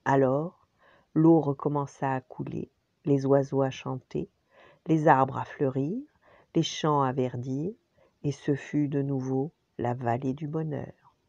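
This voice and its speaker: An older woman, a grandmother, telling a bedtime story gently and expressively, sometimes dropping to a whisper. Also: a bass voice, fairly even intonation, takes it slowly, no room sound, muffled recording.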